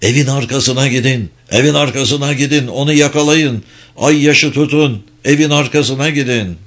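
A man's voice: medium pitch, measured pace, fairly bright tone. A man voicing a grim, urgent man who barks commands in a raised voice. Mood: urgent commanding.

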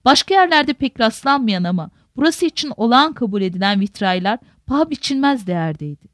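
A woman narrating a novel in a measured, literary manner. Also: a little high, expressive, fairly bright tone, no room sound, clean studio sound. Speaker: audiobook narrator.

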